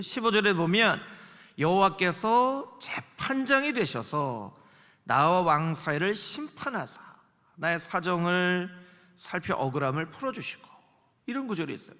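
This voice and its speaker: A man's voice: high-pitched, pushed and bright. A male pastor preaching a Sunday sermon, dramatically acting out the voices he quotes. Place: large church sanctuary. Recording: long church hall reverb.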